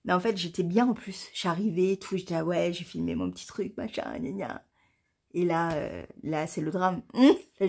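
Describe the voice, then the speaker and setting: A woman in her forties chatting casually to the camera as a knitting vlogger, laughing often and venting with a few swear words. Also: mid-range voice. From France. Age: 40s.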